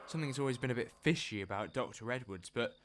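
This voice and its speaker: A man playing the Doctor, an eccentric alien time traveler in an audio drama who talks quickly and theatrically and loves a grand explanation. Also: mid-range voice, expressive, very noisy, natural voice. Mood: wry. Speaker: lead character. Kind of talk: fan audio drama acting.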